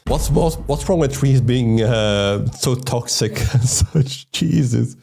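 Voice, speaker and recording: A man streaming casual reaction commentary, talking in a halting, hesitant way and repeating his words. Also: mid-range voice, creaky, a little mellow, slightly rough, faint music behind. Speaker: VTuber streamer reacting to a video.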